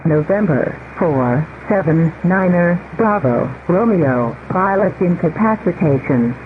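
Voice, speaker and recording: A synthetic automated voice reads scripted emergency announcements over aircraft radio, one word at a time. The pitch is middling, and the signal is thin and narrow with faint static behind it. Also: expressive, slow pace.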